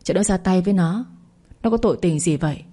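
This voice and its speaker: A woman voicing a sharp-tongued mother-in-law who scolds and accuses. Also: on the low side, fairly quick, husky. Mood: angry.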